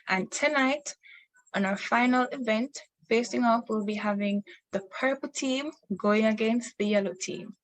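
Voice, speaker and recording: A young woman hosts a student quiz show, reading each question aloud in a formal, scripted way. Her voice sits in a middle pitch. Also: low-quality recording. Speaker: quiz host.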